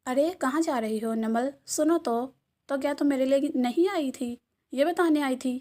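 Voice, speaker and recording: A woman's voice: high-pitched, moderate pace, warm tone, lightly acted. A woman reading a novel aloud and voicing a cocky young man who teases and mock-threatens. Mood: teasing. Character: brash cocky young man, teasing boss.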